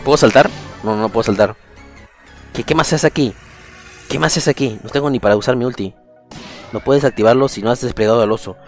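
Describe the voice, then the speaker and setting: A man's voice: medium pitch, a little fast, long pauses, soft background music. Chatty male gaming streamer. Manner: chatty, addresses viewers directly, bursts into excited exclamations. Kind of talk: casual livestream commentary.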